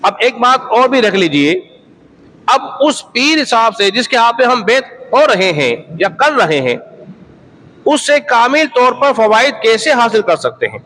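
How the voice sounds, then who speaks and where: A man with a notably high-pitched voice preaches a religious sermon. He speaks emphatically, repeating key points and putting rhetorical questions to his listeners. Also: big pitch swings, measured pace, pushed and bright, a little hiss or hum, rough recording. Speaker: Islamic preacher. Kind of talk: sermon lecture.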